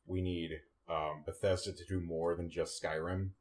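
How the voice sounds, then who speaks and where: A man co-hosting a podcast, chatting casually about video games in a relaxed, rambling way. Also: low voice, moderate pace. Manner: relaxed, rambling, laughs often. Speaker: podcast co-host. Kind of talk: casual gaming chat.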